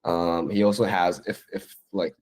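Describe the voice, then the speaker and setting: A very low-pitched young man from Taiwan talks softly and hesitantly, full of pauses and fillers. He chats casually as a podcast guest. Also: level tone. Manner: soft-spoken, hesitant, many fillers. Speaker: podcast guest, designer and 3D artist. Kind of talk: casual interview chat.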